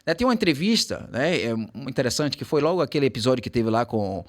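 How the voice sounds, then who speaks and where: A man teaching English to Portuguese speakers in a casual chat, slowing down to model English words carefully. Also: mid-range voice. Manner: animated, switches to slow careful English examples.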